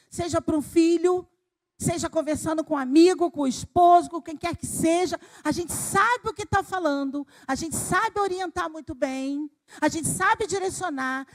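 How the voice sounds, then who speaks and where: High-voiced woman preaching a sermon. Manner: animated, rising emphasis with sudden drops. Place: church sanctuary. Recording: livestreamed church service.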